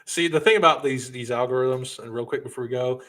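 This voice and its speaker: A man co-hosting a casual high school football talk show, speaking in a conversational, teasing way. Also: fairly quick, fairly bright tone. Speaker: podcast co-host.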